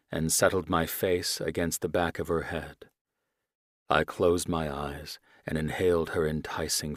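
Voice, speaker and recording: Deep-voiced man narrating a romance. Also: no echo, clean studio sound. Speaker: audiobook narrator.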